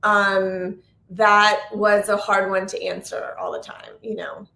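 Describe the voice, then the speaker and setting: A woman with an American accent, whose background spans Sri Lanka, Massachusetts in the United States, and France, appears as an interview guest; she is a producer and journalist. Her mid-range voice is pushed and bright with vocal fry, delivered flatly and slowly. She speaks reflectively and casually, often stopping to restart and rephrase, in a room with a roomy echo.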